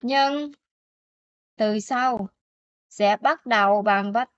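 Female teacher, slightly high voice, dry close sound, walks students through pronunciation with frequent check-ins. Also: clean tone, no echo, muffled recording. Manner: keeps checking in with students with quick questions. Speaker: Korean language teacher. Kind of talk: explaining pronunciation rules in a lesson.

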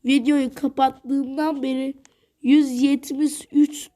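A woman's voice: sits high, little pitch movement, slow, mellow. A woman vlogger giving casual commentary while she plays a game, exasperated and repeating her words over and over. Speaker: gaming vlogger.

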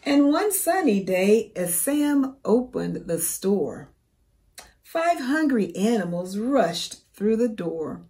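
A woman teacher reads a picture book for small children. Her delivery is expressive and careful, with big swings of intonation, a slow pace and a medium pitch. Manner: expressive, careful, asks the listener questions. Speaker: preschool teacher reading aloud. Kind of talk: children's storybook read-aloud with teaching asides.

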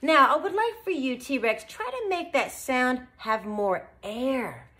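A woman teaching children beatboxing in an animated, encouraging way, full of praise. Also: sits high, takes it slowly. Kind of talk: children's tutorial.

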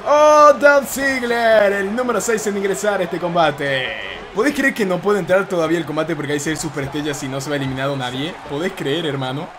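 Young argentine dude hyped up commentating his game, swears a lot, kinda high voice. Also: background noise. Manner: excitable, exclamatory, swears casually. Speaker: gaming YouTuber. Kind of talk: gameplay commentary.

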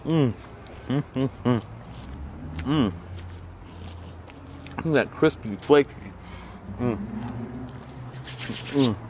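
A man's voice: medium pitch, drawn-out words, pauses often, noisy background. A man hosting a casual food review vlog, rambling and joking as he eats. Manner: rambling, joking asides while eating. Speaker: burrito reviewer and channel host.

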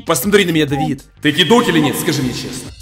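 Молодой мужчина, стример, в гарнитуре дома насмешливо разыгрывает собеседника по голосовой связи. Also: male voice, fairly high pitch, animated, quick pace, faint music behind. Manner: mocking, playful, loud exclamations. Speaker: game streamer. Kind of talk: teasing prank call while playing. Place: home streaming room. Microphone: headset.

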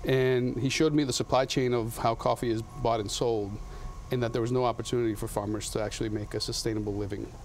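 A man's voice: medium pitch, steady tone, fast talker, few pauses, darkish tone, a little hiss or hum. A man in his thirties from Latin America, a guest in a TV studio interview, talking earnestly with frequent restarts on a lapel mic. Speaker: guest, coffee company founder.

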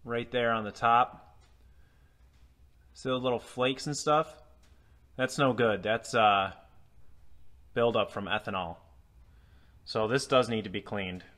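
A DIY repair vlogger in an indoor garage workshop talks through a repair step by step in casual how-to style, full of fillers, captured on the camera mic. He speaks slowly with long pauses, in a medium-pitched, fairly bright voice.

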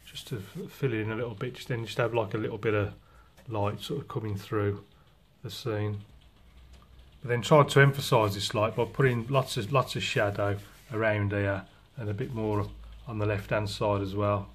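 A man's voice: fairly low pitch, steady tone, moderate pace. A man, giving a casual watercolour lesson at his easel and thinking aloud with many restarts. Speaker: watercolour painting instructor. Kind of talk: casual painting demonstration. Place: indoor studio at an easel. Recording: echoey room with clear background noise.

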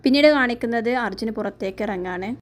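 A woman's voice: a little high, fast talker, slight background noise. Chatty woman recapping a serial. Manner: chatty, adds a friendly "tto" tag to sentences. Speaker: TV serial reviewer. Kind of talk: casual retelling of a TV serial episode.

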